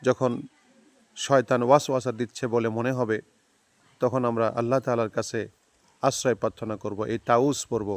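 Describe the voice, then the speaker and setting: A man teaching careful recitation, repeating each word slowly and drawing out the sounds between explanations. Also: medium pitch, steady tone, no echo. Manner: slow, drawn-out model recitation between quick explanations. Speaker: religious teacher. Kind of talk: recitation lesson.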